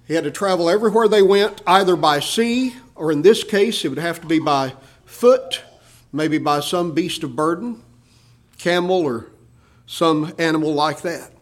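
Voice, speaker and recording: A man with a high, light voice delivers a sermon. He swings between emphatic, rising lines and quiet, low asides as he explains a passage to his listeners. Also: moderate pace. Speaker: preacher.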